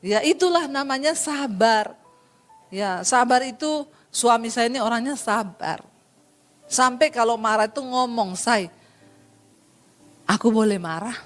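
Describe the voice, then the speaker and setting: Woman preacher from Sulawesi, high voice, lively and joking, middle-aged. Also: normal speed, soft background music. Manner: lively, humorous, addresses congregation as saudara. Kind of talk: sermon.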